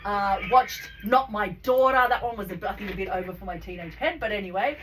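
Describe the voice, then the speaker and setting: A woman's voice: mid-range voice, a little fast, a crowd in the background. An Australian woman co-hosting a podcast, introducing a guest in a gushing, rambling way with lots of fillers. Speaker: podcast co-host. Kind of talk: casual chat, guest introduction. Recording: distant mic, faint noise.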